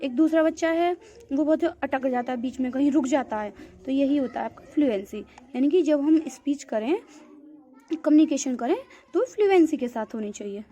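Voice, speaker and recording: High-voiced woman teacher with a mellow tone. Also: moderate pace, dull audio. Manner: mixes English terms into Hindi, calls students beta, repeats "theek hai". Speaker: school teacher. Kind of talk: classroom lecture explaining from a textbook.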